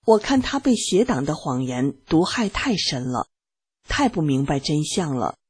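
A woman radio reader giving a steady, earnest scripted reading of a first-person testimony on a studio microphone. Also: low voice, a little slow, husky, dry recording.

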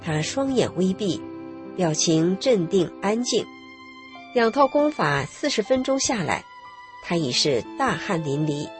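A woman calmly narrating her own story in a measured, scripted radio reading. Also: lowish voice, faint music behind.

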